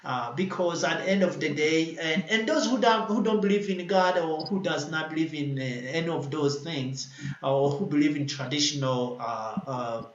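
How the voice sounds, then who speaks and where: At night, from his home in Addis Ababa, a man gives the closing remarks as host of an online panel discussion. His pitch is fairly high and his pace moderate, and he uses many fillers and restarts. The recording sounds roomy and lo-fi.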